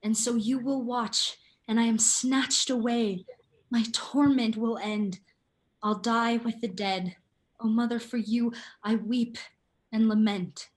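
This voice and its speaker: An actress playing a young princess daughter, speaking in a gentle, mournful way. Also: female voice, a little high, steady tone, slow pace. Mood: mournful resigned. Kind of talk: stage play reading.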